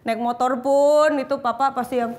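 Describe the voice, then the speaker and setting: Animated young woman telling her story. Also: high-pitched, moderate pace. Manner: animated storytelling, acting out quotes with shifting voice. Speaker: guest sharing her testimony. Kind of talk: emotional conversational testimony.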